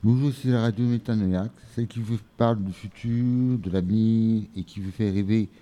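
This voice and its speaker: A man's voice: lowish voice, steady tone, fairly quick, warm tone, a little hiss or hum. A man giving a mock radio-station announcement and presenting the programme.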